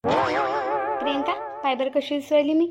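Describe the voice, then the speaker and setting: A woman's voice: sits high, sing-song, normal speed, over music. A woman voicing a touchy elderly village woman in a cartoon, indignant and scolding. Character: touchy elderly village woman Shantabai, proud of her dress. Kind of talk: cartoon voice acting.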